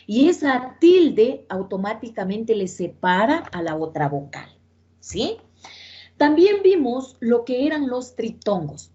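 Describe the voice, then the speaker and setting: A woman teacher giving a grammar lesson to a class, explaining slowly and repeating points, often checking that students follow. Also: on the high side, darkish tone. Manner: slow, repetitive explaining with checking questions. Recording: dull lo-fi sound.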